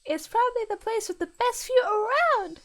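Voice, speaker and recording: A woman voicing a cheerful, bubbly teenage girl in a visual novel, in a high, squeaky chirp. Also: animated, normal speed, a bit bright, full character voice. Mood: chirpy.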